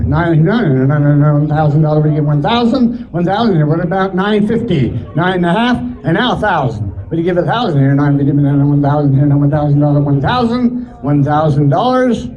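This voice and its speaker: A man working as an auctioneer, calling bids in a repetitive, rhythmic, rapid chant of numbers at a live event. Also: a little high, muffled recording.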